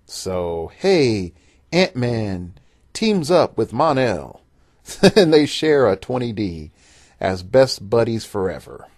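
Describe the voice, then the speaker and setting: A man's voice: mid-range voice, big pitch swings, slow pace, a little mellow, dry recording, studio quality. A man hosting a podcast, giving a casual, rambling game review full of fillers. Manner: rambling, filler-heavy, enthusiastic about game stats. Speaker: podcast host. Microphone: home podcast mic.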